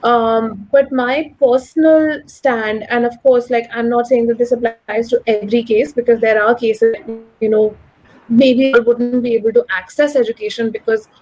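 A woman's voice: fairly high pitch, fairly even intonation, moderate pace, darkish tone, rough recording. A woman of about thirty with a posh, educated Delhi Indian English accent, giving articulate, opinionated answers in a conversational interview, often saying "like" and "you know". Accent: educated urban Delhi Indian English, posh. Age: around 30. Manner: articulate, opinionated, frequent 'like' and 'you know'. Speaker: interview guest, economist.

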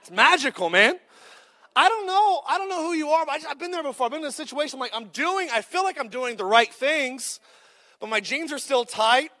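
High-voiced joking preacher man. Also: expressive, a little fast, sharp tone. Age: 30s. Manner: joking, punchy preaching with call-outs to the crowd. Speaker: pastor. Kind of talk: sermon.

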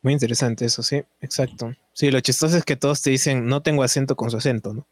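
A man's voice: mid-range voice, steady tone, fast talker, a little hiss or hum. A man hosting a podcast in casual chat, chatty and often tagging questions onto his sentences. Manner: chatty, frequent tag questions. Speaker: podcast host.

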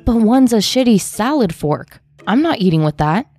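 A woman's voice: on the high side, big pitch swings, moderate pace, warm tone, soft background music, pitched above the performer's own voice. A woman voicing a frustrated young boyfriend, speaking raised and indignant.

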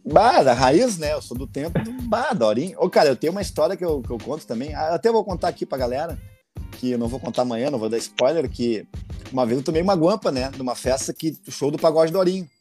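Fast-talking southern Brazilian man. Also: on the high side, soft background music. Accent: Rio Grande do Sul Portuguese. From Porto Alegre, southern Brazil. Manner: animated, full of slang and exclamations. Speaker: comedian guest. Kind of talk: casual storytelling chat.

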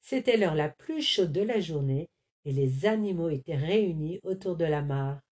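A woman reading a children's storybook aloud, clearly and expressively. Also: deep voice, lively intonation, normal speed, a little mellow.

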